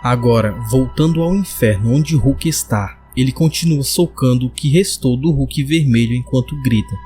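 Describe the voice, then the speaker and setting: Brazilian guy retelling a comic, middle pitch, steady, faint music underneath. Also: normal speed. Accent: Brazilian Portuguese. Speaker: comic-book narrator. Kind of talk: storytelling narration.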